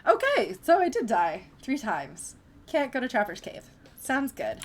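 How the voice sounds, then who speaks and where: A woman's voice: on the high side, huge pitch swings, measured pace. A young woman chatting casually through a game, reading its text aloud and laughing often. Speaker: gamer streamer. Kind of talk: casual let's-play commentary.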